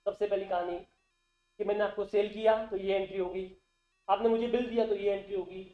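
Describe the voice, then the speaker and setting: This accountancy lecturer speaks at a moderate pace in a high, steady voice, with faint music in the background. He constantly asks the class questions and repeats terms back call-and-response fashion, recorded in a dull, roomy classroom.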